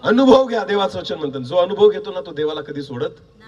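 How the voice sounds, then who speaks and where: A man preaching a sermon, quizzing the congregation with repeated questions and building to shouts. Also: high voice, expressive, a little fast, slightly rough, distant mic, dull audio. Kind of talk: sermon with call-and-response.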